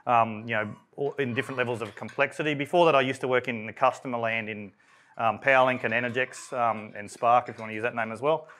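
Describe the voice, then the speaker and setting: A man with an Australian accent giving a technical presentation at a live event, talking in a conversational way with frequent fillers and restarts, in a voice he calls monotone. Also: mid-range voice. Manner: self-described monotone. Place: event room.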